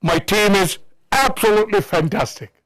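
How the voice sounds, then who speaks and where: A man's voice: sits high, lively intonation, normal speed, poor audio. A man out of breath, giving commentary outdoors on a mountain, admiring the view. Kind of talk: on-location commentary.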